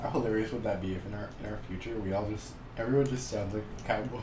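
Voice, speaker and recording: A person in casual chat with friends, joking in a quick, lively way. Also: medium pitch. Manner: fast, joking delivery. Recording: distant mic, roomy, noisy.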